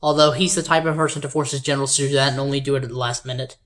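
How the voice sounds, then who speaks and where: Speaking rapid-fire in an extremely low, steady voice, a woman casually reads out the events of a game simulation. She stumbles over names and throws in sheepish, wry asides as she narrates.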